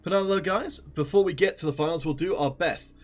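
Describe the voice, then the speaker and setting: A man's voice: on the high side, fairly quick. A man casting a live esports stream, chatting upbeat and directly to viewers. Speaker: esports caster.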